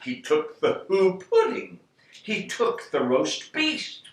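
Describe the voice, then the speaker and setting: Animated, slow-reading middle-aged or older man. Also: high voice. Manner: theatrical, deliberate, rhythmic verse delivery. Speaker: grandfather reading to family. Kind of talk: animated storybook reading aloud. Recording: roomy distant home recording, faint noise.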